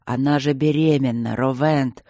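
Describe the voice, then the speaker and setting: A man voicing an enraged male castle commandant who growls his lines in a slow, heavy, hoarse voice. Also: medium pitch, fairly even intonation, mellow, no echo, studio quality, lightly acted. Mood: grim fury.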